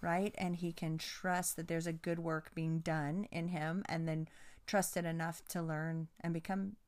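Woman, middle-aged, co-host, affirming, conversational, low-pitched. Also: little pitch movement, a little slow. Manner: warmly affirming, frequent agreement sounds. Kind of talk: casual podcast conversation.

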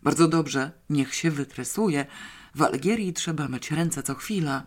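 An audiobook reader voicing an earnest, excitable young girl who often whispers. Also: medium pitch, a little slow, natural voice. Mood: whispering. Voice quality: breathy, whispering at times. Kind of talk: audiobook character voice.

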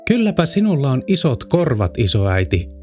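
A man's voice: low-pitched, fairly even intonation, darkish tone, soft background music, natural voice. A man voicing a small, earnest young girl in a storybook reading, exclaiming in a wide-eyed way.

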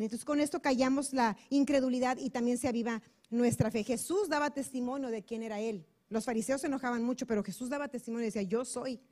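A woman's voice: high voice, darkish tone. A woman preaching to a women's group on a handheld mic, earnest and chatty, acting out little everyday dialogues. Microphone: handheld microphone.

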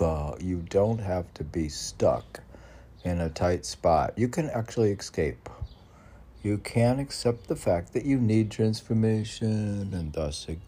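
Fairly low-pitched with a dark tone, a New Yorker alternates between reading his own poems aloud and meandering spoken remarks. He talks back to himself, leaning heavily on fillers.

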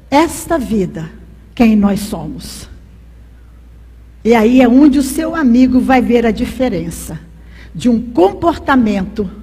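Husky woman preaching in a reverberant hall. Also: on the high side, darkish tone. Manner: passionate, storytelling. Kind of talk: sermon.

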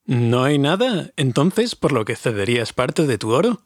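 A man reading a grave, steady leader of men. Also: medium pitch, moderate pace, no echo, clean studio sound. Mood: measured.

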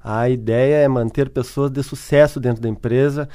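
A man's voice: mid-range voice, fairly even intonation, moderate pace, warm tone. A man with a Brazilian Portuguese accent, a guest speaker on customer service, answering interview questions and telling worked examples. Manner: tells stories and worked examples.

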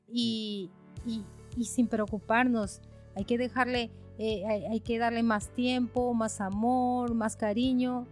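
Animated woman preaching through a story. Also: on the high side, slow pace, faint music behind. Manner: animated, with frequent fillers. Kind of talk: storytelling sermon.

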